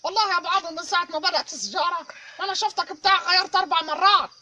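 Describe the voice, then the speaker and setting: A man's voice: very high voice, rapid-fire, pushed and bright, heavily acted. A man playing a muddled, insistent stoned hashish smoker in an Egyptian comedy sketch, talking in a befuddled, repetitive way. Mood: stoned, baffled. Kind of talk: comic sketch acting. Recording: faint noise with insect ambience.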